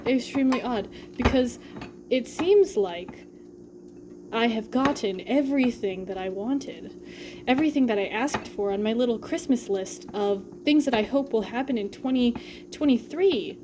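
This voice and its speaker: A woman's voice: fairly high pitch, noisy background. A young woman vlogging while cooking at home, talking casually and rambling with lots of fillers and self-deprecating asides. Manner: breathy, soft narration. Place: home kitchen.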